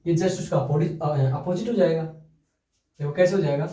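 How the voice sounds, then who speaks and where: A man's voice: on the high side, moderate pace, mellow. Man teaching, echoey and distant. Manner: repeats questions to students and answers them himself. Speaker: English grammar teacher. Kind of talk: classroom-style grammar lesson. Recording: echoey room, voice from off the mic.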